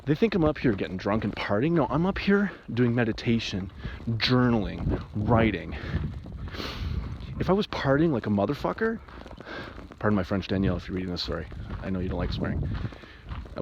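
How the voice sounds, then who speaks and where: Agitated low-voiced man, rambling. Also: big pitch swings, a little fast. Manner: agitated, rambling, with restarts and sudden rises in pitch. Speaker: separated father. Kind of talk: emotional personal monologue. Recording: muffled, with faint background hiss.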